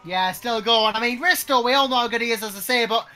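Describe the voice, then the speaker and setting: A man's voice: extremely high pitch, quick pace, bright, forceful tone, faint music behind. A man giving conversational live race commentary as a co-commentator, chatty and emphatic, repeating his points. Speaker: motor racing co-commentator.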